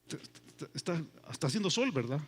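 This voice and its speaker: A man voicing God as a calm, wryly teasing deity in a sermon retelling, speaking low and hushed. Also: fast talker, slightly rough.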